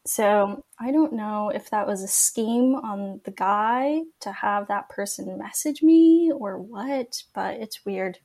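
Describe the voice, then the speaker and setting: A woman's voice: mid-range voice, takes it slowly, few pauses, a little mellow. A young woman co-hosting a podcast, telling a story in a chatty way and laughing often. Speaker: podcast co-host. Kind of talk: casual chat.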